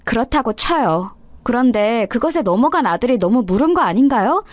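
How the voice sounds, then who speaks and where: A woman's voice: on the high side, expressive, moderate pace, dry recording, clean studio sound, lightly acted. A woman voicing an insolent young daughter-in-law who talks with sarcastic, overly polite mockery. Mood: mocking.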